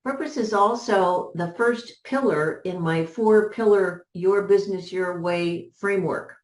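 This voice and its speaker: A woman business coach giving a motivational teaching talk, measured and repeating key words for emphasis. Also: medium pitch, reverberant.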